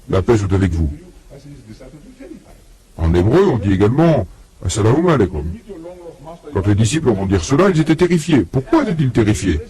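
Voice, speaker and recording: A man with a warm, medium-pitched voice gives a religious lecture to an audience, telling a story in which he acts out both sides of a conversation. He frequently addresses his listeners directly with questions, and the recording is rough.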